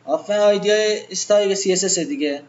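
High-voiced man teaching a class. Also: a little mellow, highs cut off. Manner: informal, questions the class and answers himself. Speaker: web design teacher. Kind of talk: live classroom lesson.

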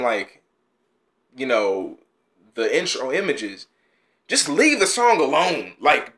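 This is a young man hosting a casual reaction video from his small home bedroom studio, his mid-range voice fairly bright in tone. Blunt and exasperated, he sighs and groans a lot.

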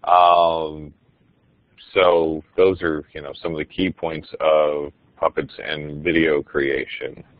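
A man's voice: extremely low pitch, level tone, takes it slowly, dry recording, dull audio. A man, a teacher, giving a casual, enthusiastic webinar presentation with frequent ums.

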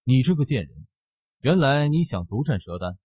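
A man's voice: mid-range voice, very animated, moderate pace, a little mellow, husky, no echo. A man voicing a greedy, haughty female wisteria flower demon, speaking in a suspicious, haughty way.

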